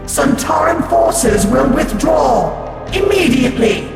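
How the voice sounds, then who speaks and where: A menacing alien shapeshifter in a radio drama, using a captured woman's voice to issue cold, commanding demands. Her voice booms over a public address loudspeaker with heavy echo and a gravelly edge. Music plays clearly beneath it. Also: animated, slow, exaggerated voice. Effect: booming over a public address loudspeaker.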